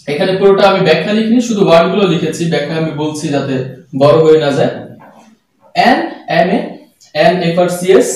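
Echoey, distant high-voiced male teacher. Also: darkish tone. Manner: patient, repeats key points, reads out examples slowly. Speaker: English grammar teacher. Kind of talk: explaining grammar rules to students.

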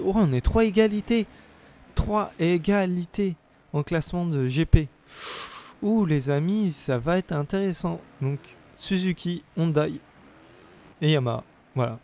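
Young gamer guy w/ sore throat, gravelly low-key voice, chatty and stumbly while he plays. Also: moderate pace, mellow. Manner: chatty, hesitant, bursts of playful cheering. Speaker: let's play gamer. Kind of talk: casual game commentary.

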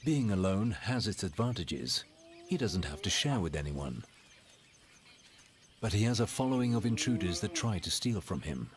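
A man narrating a scripted wildlife documentary in a measured, dramatic storytelling manner with deliberate pauses. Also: deep voice, sing-song, a crowd in the background.

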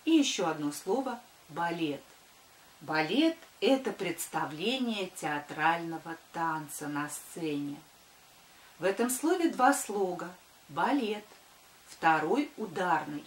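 An older woman, a primary school teacher dictating to children deliberately and sounding out words by syllable. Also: lowish voice, lively intonation. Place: small wood-panelled room indoors. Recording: echoey room.

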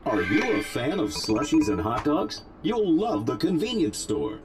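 A man's voice: fairly high pitch, wildly swooping pitch, unhurried, over music. A man voicing a cheerful male robot job instructor in a video game, with a robotic voice, giving instructions in an upbeat, instructive way. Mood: chipper. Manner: cheerful, instructive, calls player "human".

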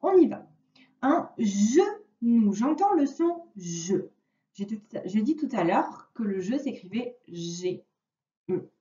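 Brief: woman teacher on a home computer mic, slow deliberate dictation, lively pitch, dull roomy sound. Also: far from the mic. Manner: slow, carefully articulated word dictation. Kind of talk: remote phonics lesson for a child. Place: at a computer, recording the lesson.

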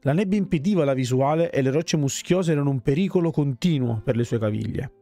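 A man reading a fantasy game's story text aloud at a steady pace. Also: mid-range voice, quick pace, faint music behind. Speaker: gamer reading game text.

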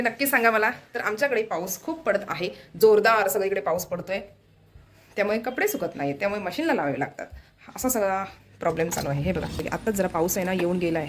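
Woman vlogger, Marathi accent, fast, chatty home walkthrough on a phone, faint room hum. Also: medium pitch, a bit bright. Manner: chatty, repeats "look here" while showing things. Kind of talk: casual home vlog narration. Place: home, kitchen and window.

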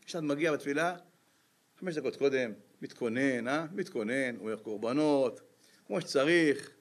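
A man giving a sermon as a rabbi, lively and full of rhetorical questions to his listeners. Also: medium pitch.

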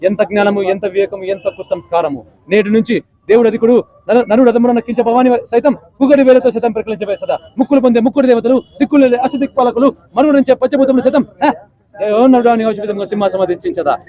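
A man performing a defiant young hero who lectures the god of death in ornate rhetoric. The voice is high and rapid. The recording is muffled and dry. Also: dry recording. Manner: rhetorical formal declamation. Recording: dull lo-fi recording.

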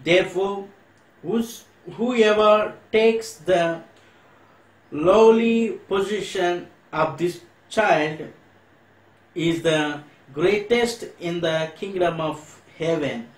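Indian-English pastor preaching slowly in an echoey hall. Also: male voice, sits high. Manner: earnest preaching, slows and swells to stress words, repeats phrases. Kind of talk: sermon. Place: church hall.

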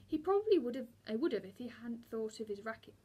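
A woman's voice: on the high side, very animated, fast, a little mellow, husky. Woman voicing a breezy, cheerful schoolboy. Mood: reassuring. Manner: breezy, reassuring.

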